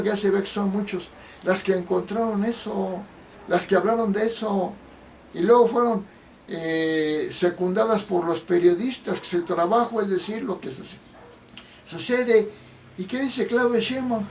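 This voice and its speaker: A man delivers a heated solo political rant in a high voice, accusatory and prone to restarting his sentences. He sits some distance from the microphone, and a faint hiss of background noise runs underneath. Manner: indignant, accusatory, with frequent restarts. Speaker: political commentator.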